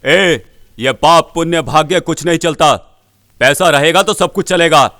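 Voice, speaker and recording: A man's voice: on the high side, unhurried, pushed and bright, no echo. A domineering father. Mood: menacing. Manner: domineering, threatening. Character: harsh bootlegger father, bullying and money-minded. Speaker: stern father. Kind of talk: Hindi film dub acting.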